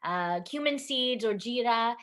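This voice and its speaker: A woman with a slightly high, expressive and fairly bright voice performs a staged reading by video call. She portrays a strict, old-fashioned Indian mother of middle age, giving instructions in a firm, halting, brisk way.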